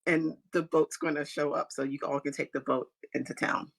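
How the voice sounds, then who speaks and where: Casual game master: rambling scene narration, middling pitch. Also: little pitch movement, moderate pace, vocal fry, a bit bright, husky. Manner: rambling, with fillers and restarts.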